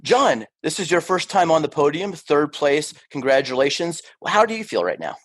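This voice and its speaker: A man hosting a racing stream, interviewing the winners with upbeat, quick questions. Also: on the high side, sing-song, a bit bright, no echo. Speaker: host interviewing race winners.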